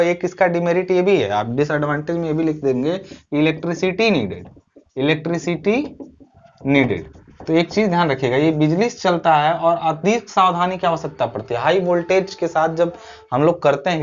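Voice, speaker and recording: Man teaching step by step, lo-fi sound. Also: on the high side. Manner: explains step by step, asks and answers his own questions; keeps checking in with tag phrases. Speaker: civil engineering teacher. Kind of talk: recorded online lecture.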